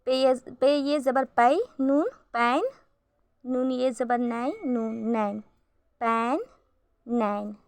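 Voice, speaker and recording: A woman's voice: fairly high pitch, steady tone, slow, long pauses, a little mellow, a little hiss or hum. A woman teaching a beginner Urdu reading lesson, patiently spelling out letters syllable by syllable.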